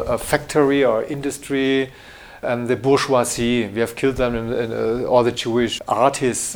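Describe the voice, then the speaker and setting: This medium-pitched, slightly mellow male voice belongs to a middle-aged graphic designer from Germany. Speaking English with a German accent, he responds to interview questions haltingly, with plenty of fillers and false starts.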